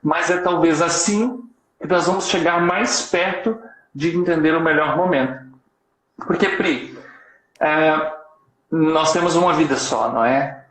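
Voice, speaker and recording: A man, a guest giving measured advice in a live stream conversation, often ending points with tag questions. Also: on the high side, fairly bright tone, echoey room, rough recording.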